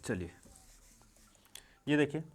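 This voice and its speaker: Slow-paced Hindi-speaking English tutor, man. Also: on the high side, expressive. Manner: slow, repetitive, checks in often with "theek hai". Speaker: English teacher. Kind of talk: classroom-style grammar lesson.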